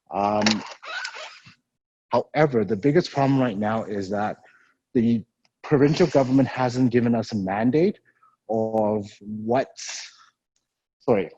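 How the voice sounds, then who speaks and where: A man's voice: mid-range voice, dark tone, slightly rough, no room sound, muffled recording. A man from the university staff guiding a live virtual campus tour and answering questions, explanatory and a little out of breath from walking. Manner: explanatory, frequent "um" and "so".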